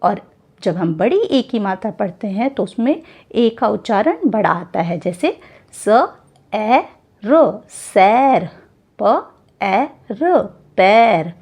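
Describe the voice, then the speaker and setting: Slow, sing-song woman teaching syllables. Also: medium pitch, big pitch swings, darkish tone, breathy edge. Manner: spells out syllables slowly, then says the whole word. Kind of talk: Hindi grammar lesson.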